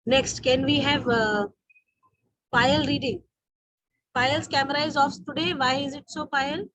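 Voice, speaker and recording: A woman's voice: sits high, fairly even intonation, unhurried, fairly bright tone, no room sound, rough recording. A woman with an Indian accent teaching an online class, calling on students and checking they follow with short questions.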